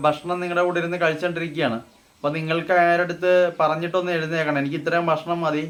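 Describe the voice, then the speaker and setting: In this casual spoken-Hindi lesson, a man with a slightly high voice for his gender models each phrase slowly and with care. He then switches to Malayalam to explain it in an easygoing, conversational way.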